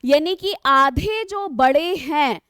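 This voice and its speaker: A woman teacher giving an online exam-prep lesson, explaining patiently with drawn-out words and frequent rhetorical questions to her students. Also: high-pitched, expressive, bright, forceful tone, no room sound, clean studio sound.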